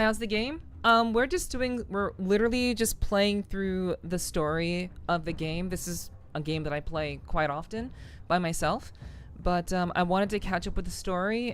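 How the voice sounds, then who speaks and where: A woman chatting casually on a livestream in a friendly, welcoming way, her throat a little rough. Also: fairly low pitch, a little hiss or hum. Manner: friendly, chatty, gushing thanks and greetings. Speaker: streamer. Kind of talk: casual livestream chat, greeting viewers.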